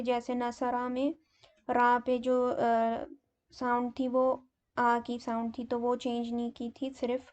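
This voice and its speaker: A woman teacher slowly explaining grammar, pausing often with fillers. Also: fairly high pitch, a little mellow. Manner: slow, hesitant explaining with many fillers. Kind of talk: grammar lesson in Urdu mixed with English terms.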